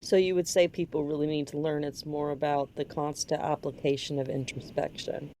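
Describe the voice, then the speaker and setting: A woman hosting a podcast, asking measured, prepared interview questions. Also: low-pitched, little pitch movement, warm tone, slight background noise. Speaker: podcast host.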